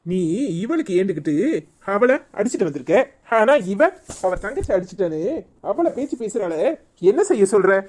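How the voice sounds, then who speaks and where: A woman's voice: medium pitch, very animated, normal speed, darkish tone. A woman with a Kanyakumari Tamil accent voicing a stern, questioning mother-in-law in a cartoon.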